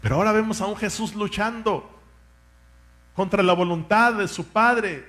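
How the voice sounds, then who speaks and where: A man's voice: high voice, moderate pace, a bit bright. A man, a pastor, preaching a sermon with fervent rhetorical questions and asking his congregation to repeat words after him.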